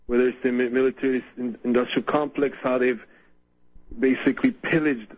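A man speaks over the phone on a call-in show, his voice muffled and dull. He gropes for words as he goes, with frequent restarts and filler sounds. His pitch sits in the middle range. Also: fairly even intonation, brisk. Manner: hesitant, full of restarts and fillers. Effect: heard over the phone. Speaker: radio call-in caller. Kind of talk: casual call-in chat.

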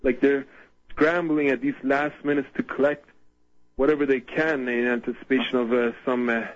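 A man's voice: mid-range voice, little pitch movement, normal speed. A man calling in to a radio show over the phone, talking hesitantly with many restarts and fillers. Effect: heard over the phone. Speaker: radio call-in caller. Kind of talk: casual call-in chat. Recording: muffled phone line.

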